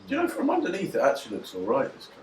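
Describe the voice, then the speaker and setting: A man's voice: a little high, huge pitch swings, racing, echoey room, a little hiss or hum, rough recording. A man bantering casually in a garage workshop, tossing in dry jokes. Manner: dry, joking interjections. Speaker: car restoration co-host.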